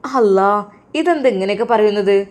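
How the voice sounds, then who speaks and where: A woman voicing a gentle young father who soothes his children with soft reassurance, in a Malappuram accent. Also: medium pitch, animated, a little fast, close to an everyday voice. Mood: cheerful. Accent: Malappuram Malayalam.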